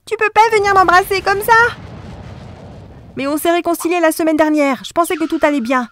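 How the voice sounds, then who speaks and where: A woman voicing an agitated teenage boy in an animated story, speaking loudly and in exasperation. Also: extremely high pitch, brisk, a little hiss or hum, pitched above the performer's own voice. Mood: exasperated.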